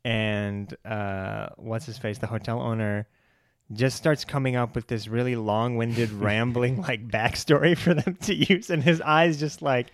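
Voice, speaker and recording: A man's voice: mid-range voice, measured pace, dry recording. Chatty young man, dry close sound. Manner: relaxed, lots of "like" fillers, laughs easily. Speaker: podcast co-host. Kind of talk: casual chat.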